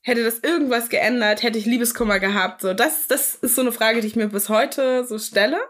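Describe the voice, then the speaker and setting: A woman's voice: a little high, fairly even intonation, a little fast. A young woman in casual chat, telling a personal story in a chatty way, mixing in English words and acting out what people said.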